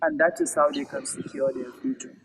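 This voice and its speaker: A woman with a very deep, sing-song voice tells children a story at a brisk clip, dramatic and emphatic, repeating lines for effect. The mic is distant and the recording is noisy with loud background sound.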